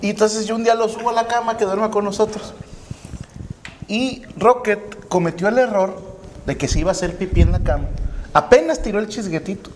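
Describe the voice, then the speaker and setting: A man's voice: high-pitched, fairly quick. Joking Mexican man with a faint hiss. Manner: joking, storytelling with slang. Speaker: podcast co-host. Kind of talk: casual comedic chat.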